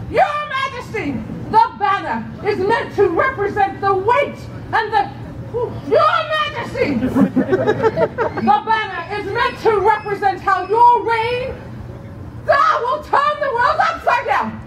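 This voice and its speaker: Shrill, fawning Renaissance fair lady mayor. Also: heavily acted. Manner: gushing, stammering, giggly. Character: flustered, fawning, over-excited lady mayor of a village. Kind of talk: theatrical Renaissance fair olde English speech. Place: outdoor wooden stage at a fair, far camera. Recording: echoey outdoor stage, crowd noise.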